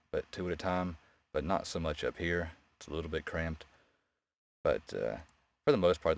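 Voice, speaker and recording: A man giving a casual, unscripted game-development update in a low-key, rambling, hesitant way. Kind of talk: casual unscripted screen-share commentary. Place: indoors beside a gaming laptop. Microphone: new microphone near a laptop.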